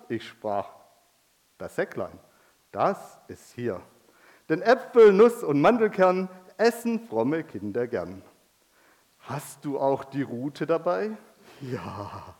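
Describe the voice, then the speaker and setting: A man playing a jolly old Saint Nicholas at a church community gathering, calling out booming ho-hos and reciting verse slowly and solemnly. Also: exaggerated voice.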